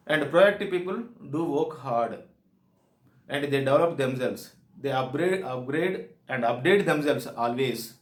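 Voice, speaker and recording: A soft skills trainer with a South Indian accent gives an instructional presentation in a mid-range voice. He speaks emphatically, using short declarative phrases that he repeats, and the room sounds echoey.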